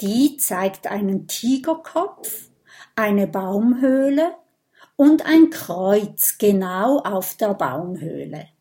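A woman narrating a children's story in a clear storytelling manner. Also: mid-range voice, very animated, slow, mellow. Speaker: audiobook narrator.

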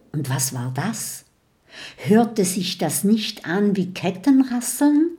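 A woman narrating a children's story with a measured, dramatic read-aloud delivery. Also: lowish voice, darkish tone.

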